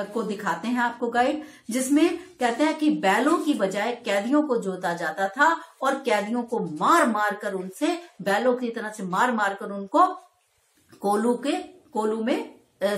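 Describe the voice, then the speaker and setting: A woman teaching a school poetry lesson, her voice a little high. She reads each verse slowly and expressively, then explains it in everyday speech. The sound carries a roomy echo. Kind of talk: explaining a Hindi poem to school students.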